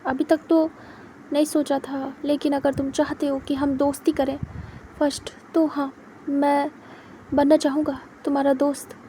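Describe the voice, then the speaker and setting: A woman voicing a calm, reserved young man in love, speaking softly and quietly. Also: high-pitched, moderate pace, a little hiss or hum, close to an everyday voice. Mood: calm, gentle. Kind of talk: storytelling fan fiction aloud.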